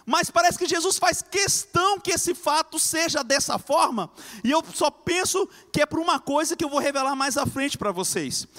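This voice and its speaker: A man preaching a fervent sermon, swinging between loud cries and hushed lines. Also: very high voice, expressive, normal speed, in a large hall.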